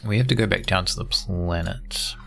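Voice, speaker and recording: A man's voice: low-pitched, moderate pace, vocal fry, a bit bright, faint music behind. A man giving casual game commentary and reading dialogue aloud as he plays. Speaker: gamer playing through an adventure game.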